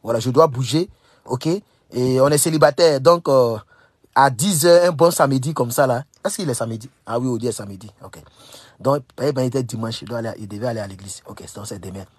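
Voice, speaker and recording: A man's voice: mid-range voice, fairly quick, breathy edge, dry recording, clean studio sound. A young man from Burkina Faso, talking straight to camera, emphatic, repeating phrases and scolding his listeners. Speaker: political commentator. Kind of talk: casual direct-to-camera monologue.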